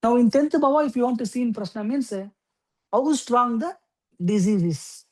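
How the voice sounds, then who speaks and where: Woman, astrology teacher, lecturing, unhurried, fillers and okays. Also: a little high, a little mellow, rough recording. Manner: explains slowly with many okays and fillers.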